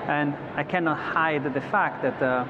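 A man in his thirties with a voice on the high side speaks at a measured pace as an executive interviewee on a convention-floor broadcast set. Fillers and restarts run through his thoughtful answers. The recording is a touch dull, and background noise is clearly present.

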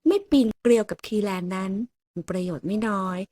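Woman narrator, romance audiobook, husky voice, dry close sound. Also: mid-range voice, animated, a little fast, dark tone, no room sound.

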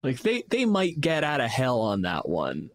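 In studio-quality sound with no room echo, this man's mid-range voice swings hugely in pitch while keeping a normal pace. He co-hosts a podcast, riffing on fantasy game monsters in a loose, profane, slangy way and frequently performing lines he imagines someone saying.

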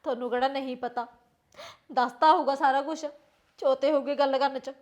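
An actress playing a tearful young wife who feels wronged by her household, speaking with a shrill, aggrieved voice. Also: moderate pace. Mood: bitter. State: crying. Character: tearful young wife threatening to leave home. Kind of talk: film drama dialogue.

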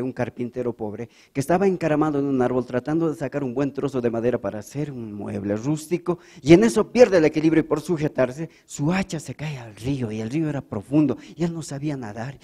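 A man with a Bolivian Spanish accent doing stand-up comedy in a lively way, jumping between voices. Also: mid-range voice. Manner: animated, jumps between voices.

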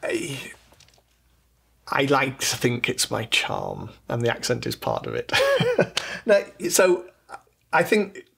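British man, middle-aged, interview guest, measured, raspy edge. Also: mid-range voice, huge pitch swings, a bit bright. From England. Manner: thoughtful, measured, with fillers and self-corrections. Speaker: interview guest, loudspeaker designer. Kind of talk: relaxed conversational interview.

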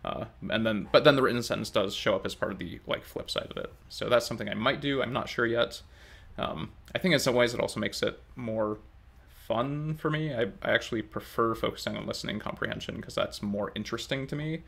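A language-learning vlogger in his thirties gives an unscripted update to camera from his open kitchen and dining room at home. His mid-range voice is gravelly with a fairly bright tone and a slightly fast pace, and he rambles a bit, hesitating as he thinks aloud.

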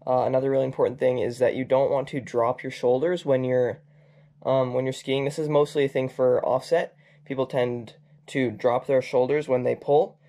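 A man's voice: mid-range voice, level tone, normal speed, mellow. A man casually pointing out ski technique tips as a coach, with some filler words. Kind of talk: instructional commentary.

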